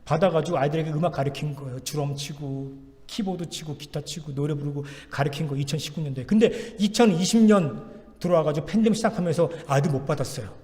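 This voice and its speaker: A man's voice: a little high, quick pace, mellow, long reverb tail. A man preaching a sermon as pastor in a church, urging and repeating exhortations with strong emphasis. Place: church sanctuary.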